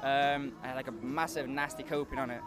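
A nineteen-year-old skateboarder from Liverpool answers questions quickly and hesitantly, scattering filler sounds. Loud music plays in the background at the outdoor event. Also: male voice, medium pitch, steady tone. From Liverpool, England. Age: young adult, 19. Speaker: skateboarder being interviewed. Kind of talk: casual interview answers.

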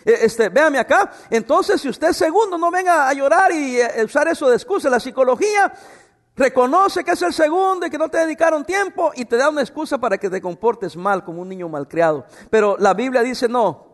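A middle-aged man preaching a sermon as a pastor, animated, with humorous asides to the congregation. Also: extremely high pitch, a little fast. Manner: animated, acts out voices in quotes. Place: church hall. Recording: long hall reverb.

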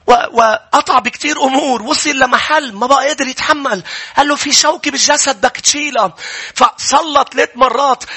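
A man's voice: extremely high pitch, pushed and bright. A man with a Levantine Arabic accent preaching a sermon, emphatic, repeating key phrases and putting questions to his listeners. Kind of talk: sermon, exhorting a congregation.

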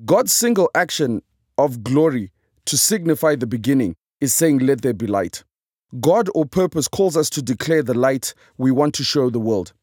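A man's voice: mid-range voice, animated, normal speed, darkish tone, no echo, studio quality. A Zimbabwean man with a morning voice, reading a chapter of his own inspirational book in a reflective, preacher-like way. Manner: reflective, motivational, preacher-like cadence.

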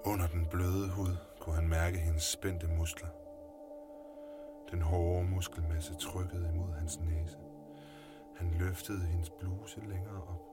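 A man narrating a scripted story in a calm, low-key way. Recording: music playing underneath.

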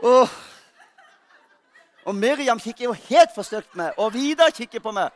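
A male pastor giving an Easter sermon, telling funny stories about himself with lively warmth. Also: very high-pitched, slight background noise. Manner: lively storytelling, self-mocking humor.

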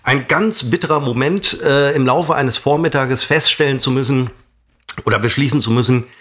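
A middle-aged podcast co-host with a cold sounds slightly nasal as he rambles defensively with lots of fillers during casual banter. His voice is medium-pitched and a bit bright, at a moderate pace.

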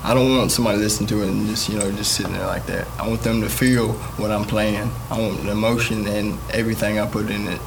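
A man's voice: on the low side, steady tone, fast talker, creaky, hardly any pauses. A young man, a guitarist and singer answering interview questions in an earnest, rambling way. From Mississippi. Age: young adult. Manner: earnest, rambling, with fillers and restarts. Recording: noisy background ambience.

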